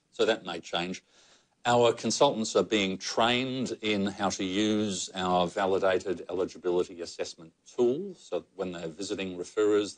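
A measured Australian man speaks with a very low, deep voice. He explains clinical matters steadily on a panel, seated at a table in a meeting room. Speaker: psychogeriatrician panellist. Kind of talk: panel discussion answers.

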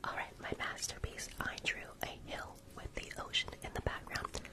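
A young man whispering softly and casually to viewers as an ASMR livestream host, close to the microphone in a small room. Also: normal speed. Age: young adult. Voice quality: unvoiced whisper. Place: small bedroom, indoors. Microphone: close desktop microphone, sometimes with furry windscreen.

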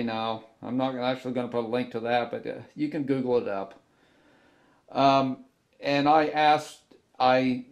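A man with a medium-pitched, somewhat dark voice hosts a relaxed model railroad video from his indoor workbench surrounded by model trains. He walks through a hobby tutorial on railroad cars at an easy pace, often restarting sentences and using fillers.

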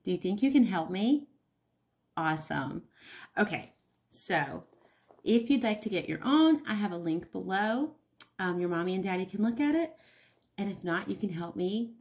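A woman teaching a counting lesson to young children, encouraging and sing-song, asking questions and pausing for answers. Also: medium pitch, very animated. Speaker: early-years teacher hosting an online circle time.

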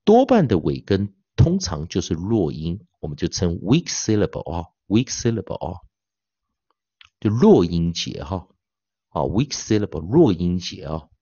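A man teaching pronunciation in an online lecture, his low voice swooping up and down with energy. He sprinkles drawn-out filler particles between phrases and stretches demonstration words slowly. The sound is dull and lo-fi, close and dry. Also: big pitch swings, dark tone, husky, dry recording. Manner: drawls out demo words slowly and repeatedly.

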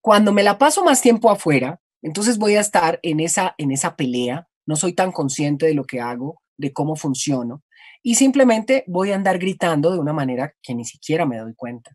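A woman from Colombia, a voice-over artist, explaining her craft in a reflective, animated conversational interview. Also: low voice, normal speed, slightly rough, no echo, clean studio sound.

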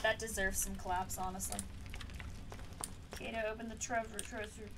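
A woman's voice: mid-range voice, level tone, normal speed. Chatty young woman streamer, distant mic. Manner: chatty, amused, reacts aloud to game. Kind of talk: casual gaming commentary. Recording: distant mic with clear noise.

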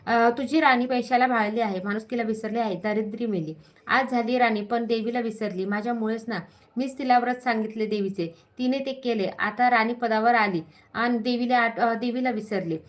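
A woman's voice: on the high side, moderate pace, natural voice. A woman voicing a goddess disguised as a poor old woman, scolding indignantly in a devotional story.

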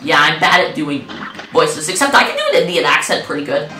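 A gaming channel host gives rambling, self-mocking commentary as she plays a video game. She speaks briskly in a low, fairly even voice, picked up by a distant mic in an echoey room with game music in the background.

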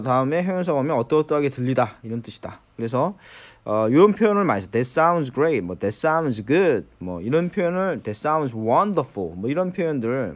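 A man with a Korean accent teaching English in a recorded lecture, explaining step by step and slowing down to repeat each English phrase. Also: medium pitch.

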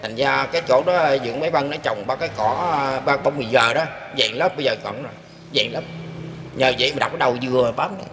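A man's voice: mid-range voice, a little fast. An older man telling his own experience in an earnest, rambling way, often turning to address his listeners. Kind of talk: casual spoken storytelling. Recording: echoey room with long reverb and faint background noise.

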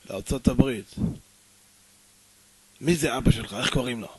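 A man's voice: mid-range voice, breathy edge, voice pushed down. A male preacher playing a pushy stranger in a wheelchair who keeps nagging with questions. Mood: insistent. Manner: insistent, nagging.

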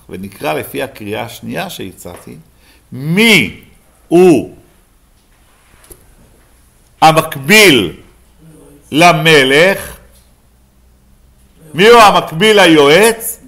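A man's voice: fairly high pitch, huge pitch swings, creaky, pauses often, fairly bright tone. A rabbi giving a Bible lesson to a live class, who keeps asking his listeners questions and then answering them himself.

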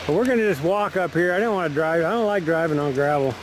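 A folksy, chatty man narrating his outdoor walk in a fairly high voice for a man. He is recorded on a camera mic outside, with plain background noise behind him. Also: fast talker. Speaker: vlogger filming a walk. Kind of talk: casual walking vlog narration. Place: outdoors by a river park.

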